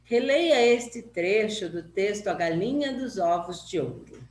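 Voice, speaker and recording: A Brazilian woman teaching children from home while sick, her voice muffled behind a face mask. She speaks slowly and patiently, checking in often. The room is echoey, with a faint hum behind her. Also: medium pitch, sing-song, darkish tone. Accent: Brazilian Portuguese. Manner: slow, patient, with many "né?" and "tá?" checks. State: ill with covid, wearing a face mask. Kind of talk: recorded remote lesson for children.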